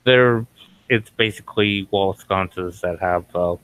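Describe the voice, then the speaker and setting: A man's voice: sits low, slow, a bit bright, clean tone, dry recording, rough recording. A man narrating as game master, hesitant and full of fillers.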